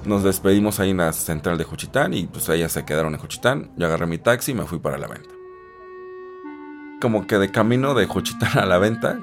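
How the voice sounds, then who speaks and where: A young man with a Mexican Spanish accent tells his life story in a chatty, animated way, acting out other people in a high voice. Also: gravelly. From Isthmus of Tehuantepec, Mexico. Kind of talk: personal storytelling. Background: guitar music.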